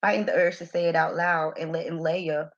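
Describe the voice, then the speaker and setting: A woman's voice: fairly low pitch, brisk. Woman reading her novel aloud, muffled. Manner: expressive reading with laughing asides to a live audience.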